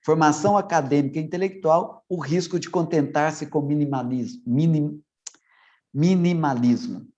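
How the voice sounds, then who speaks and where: A priest with a Minas Gerais accent lecturing religious formators, talking fast and a little anxiously, swallowing syllables and stumbling over words. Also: male voice, fairly high pitch, warm tone, muffled recording. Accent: Minas Gerais Brazilian Portuguese. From Minas Gerais, Brazil. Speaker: priest and theology professor giving a formation talk. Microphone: video call.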